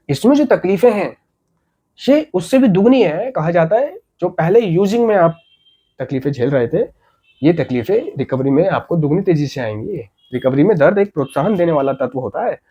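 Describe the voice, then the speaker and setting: A man's voice: high voice, lively intonation, a little fast, warm tone, slightly rough. A man giving an earnest, motivational talk about staying off drugs, repeating key points and asking rhetorical questions. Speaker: addiction recovery speaker.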